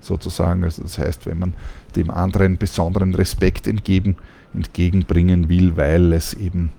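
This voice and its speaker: A man calmly explaining Greek pronunciation in a lesson, with frequent fillers. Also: sits low, normal speed, vocal fry, slight background noise. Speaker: language teacher.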